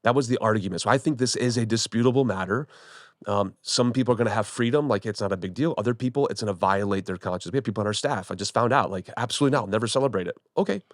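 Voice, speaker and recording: A man's voice: on the low side, fast, no echo, studio quality. A man in his forties, a pastor co-hosting a casual church podcast, talking conversationally and often repeating words as he thinks. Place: studio room with podcast team.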